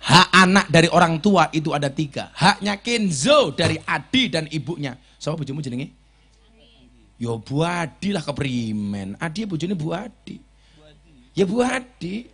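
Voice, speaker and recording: Brief: male preacher, 40s, Javanese accent, comic sermon style, ribs the crowd, voice sits a bit high. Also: very animated, moderate pace, a bit bright, slightly rough. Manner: joking, switching between Indonesian and Javanese, teasing the audience.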